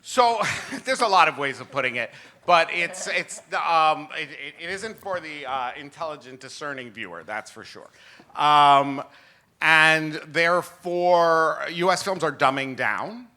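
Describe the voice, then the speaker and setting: Bright-voiced man on a festival panel. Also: a little high, unhurried. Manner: animated, laughs often, frequent restarts. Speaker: film distributor on a festival panel. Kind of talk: panel discussion. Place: festival symposium panel stage.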